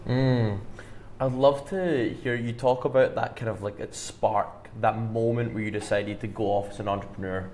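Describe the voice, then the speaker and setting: A man's voice: fairly low pitch, fairly even intonation, normal speed, a little mellow, a little hiss or hum. A man hosting an interview, asking friendly and eager questions. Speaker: podcast host.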